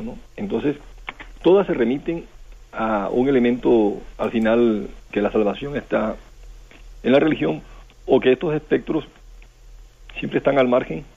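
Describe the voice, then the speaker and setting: A Costa Rican man with a gravelly, husky voice tells a folk tale at an unhurried, meandering pace. He keeps adding questioning tags and starting sentences over. His voice comes through a thin, tinny phone line. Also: mid-range voice. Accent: Costa Rican Spanish. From Costa Rica. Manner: rambling, with frequent questioning tags and restarts. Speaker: guest storyteller. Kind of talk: relaxed radio storytelling.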